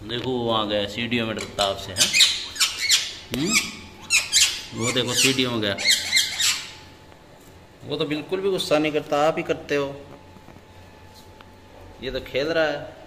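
A man's voice: medium pitch, steady tone, unhurried, long pauses, long reverb tail, background noise. A man filming his pet parrots at home, talking to them in coaxing, sing-song baby talk. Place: inside a home.

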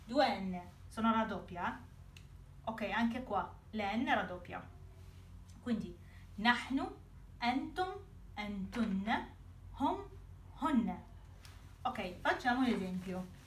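Slow, patient woman teaching a language. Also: medium pitch, animated, far from the mic. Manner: repeats each word slowly, spells out sounds. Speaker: Arabic teacher. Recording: roomy, off-mic, faint hiss.

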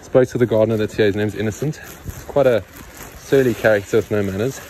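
Outdoors by a yard pond, a farmer vlogger works while filming himself with a phone held in hand, point of view. He has a lowish, brisk voice with a darkish tone, captured in a low-quality recording with a little hiss or hum. He talks bluntly and matter-of-factly, offering plenty of opinions.

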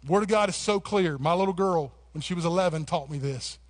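High-voiced man preaching a lively sermon. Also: fairly quick. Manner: passionate, conversational preaching with repeated "man" and restarts. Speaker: pastor. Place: church sanctuary.

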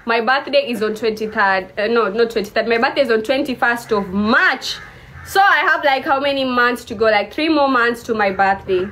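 A woman's voice: a little high, moderate pace, fairly bright tone, slight background noise. A woman in her twenties from Kenya, chatting casually and teasing her viewers on a live stream. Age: 20s. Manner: playful teasing, mixes English and Swahili.

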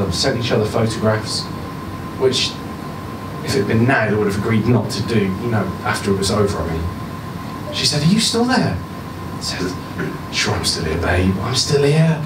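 With lively intonation and a moderate pace, a thirty-something man reads a short story aloud at a stand mic before an audience in a small indoor bar. He gives the woman's dialogue a higher voice and drops to a soft, low tone near the close, all captured by a distant camera with roomy sound and a hum underneath.

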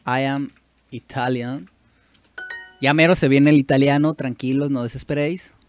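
A man's voice: mid-range voice, steady tone, moderate pace, slight background noise. A man with a Mexican Spanish accent giving casual commentary while he practises with a language app, chatty and correcting himself as he goes. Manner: chatty, self-correcting, thinks aloud. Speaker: YouTuber doing language practice.

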